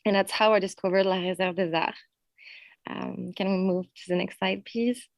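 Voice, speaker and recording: Woman, French accent, non-native English, conference talk, dry close recording, mid pitch. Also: fairly even intonation, normal speed, creaky, dry recording. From France. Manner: friendly, with frequent fillers. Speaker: conference speaker. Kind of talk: conference presentation.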